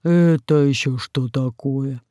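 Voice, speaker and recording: A reader voicing a dim-witted, sulky male monster with a bull's head in an audiobook, with slow, whiny pleading. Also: medium pitch, mellow, no room sound, clean studio sound, voice pushed down, close to an everyday voice. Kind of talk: audiobook character voice.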